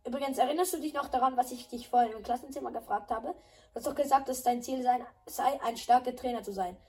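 A woman voicing a bubbly, eager schoolgirl in a game dub, talking excitedly. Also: high-pitched, quick pace, far from the mic. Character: cheerful eager schoolgirl champion. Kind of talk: dubbing game dialogue.

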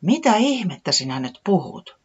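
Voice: medium pitch, big pitch swings, breathy edge, highs cut off, pitched above the performer's own voice. A storybook reader voicing a caring bird who asks worried, soothing questions. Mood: concerned.

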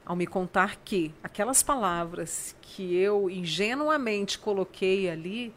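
A woman's voice: mid-range voice, animated, unhurried, a little hiss or hum. Brazilian-Portuguese-speaking woman telling anecdotes. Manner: warm storytelling, acts out dialogue. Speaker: guest, writer and radio chronicler. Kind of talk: casual interview chat.

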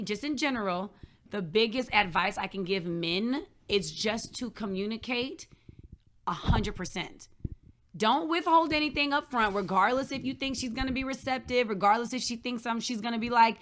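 A woman's voice: on the high side, normal speed, a bit bright. A woman in her early thirties co-hosting a casual podcast, giving frank dating advice and acting out quoted lines. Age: early 30s. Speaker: podcast co-host.

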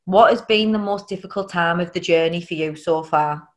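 A woman's voice: lowish voice, moderate pace. A woman hosting a casual interview, talking in an encouraging, blunt, informal way. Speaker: podcast host.

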